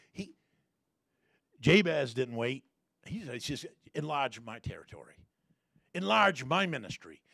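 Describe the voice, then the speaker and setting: A man preaching a folksy sermon, repeating phrases and sometimes bursting into loud shouted prayers. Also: high voice, vocal fry, no room sound, clean studio sound.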